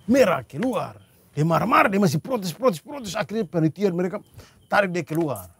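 High, husky-voiced man telling a story. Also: animated, normal speed, dry recording. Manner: repeats words for comic effect. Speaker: podcast co-host. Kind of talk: casual chat, storytelling.

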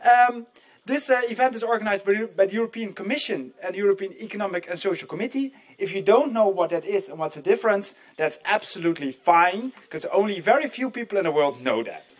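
High-voiced chatty man moderating an event. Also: animated, a little fast. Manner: chatty, jokey, addresses the audience directly. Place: conference hall.

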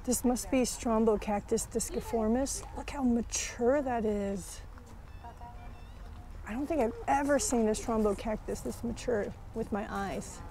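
A woman casually narrating as she walks through an outdoor plant nursery, chatty and enthusiastic, thinking out loud. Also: medium pitch, a little hiss or hum. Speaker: plant vlogger.

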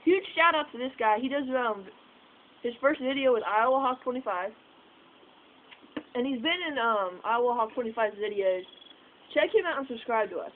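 This young woman's voice is a little high and expressive, moving at a normal speed with frequent pauses. She's rambling casually for a vlog outdoors at night near a house porch, full of fillers and the odd swear word. Audio comes from a faraway phone camera, tinny and noisy.

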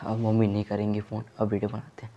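A man's voice: lowish voice, completely flat delivery, quick pace, lo-fi sound, heavy background noise. A young man performing a comic sketch of one-sided phone calls, exasperated and repeatedly restarting his greeting. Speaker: comedy sketch creator. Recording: loud background music.

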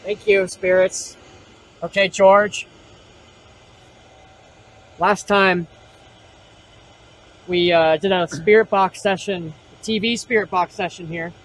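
Husky, higher-pitched man hunting ghosts. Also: fairly even intonation, takes it slowly, long pauses, fairly bright tone, poor audio. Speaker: ghost-hunting vlog host. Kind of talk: paranormal investigation, addressing spirits with questions. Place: outdoors in a cemetery at night.

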